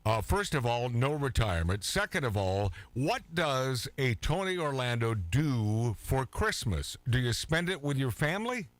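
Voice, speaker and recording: A man's voice: medium pitch, big pitch swings, measured pace, few pauses, no room sound. A man hosting a radio show, joking and teasing his guest. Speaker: radio host. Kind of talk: radio interview.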